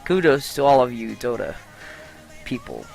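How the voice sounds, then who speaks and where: A gaming vlogger runs through the week's news in a loose, chatty way, full of "uh" fillers and bursts of enthusiasm. The voice sits in a middle pitch with a gravelly, fry-heavy edge. Faint music plays underneath. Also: very animated, moderate pace, darkish tone. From Philippines. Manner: chatty and upbeat, lots of "uh" fillers. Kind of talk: casual vlog commentary on gaming news.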